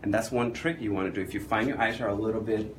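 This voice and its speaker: A man's voice: on the low side, fast, slight background noise. A man working as a makeup artist, chatting through an on-camera makeup demonstration and often asking questions. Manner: animated, chatty, asks the viewer questions.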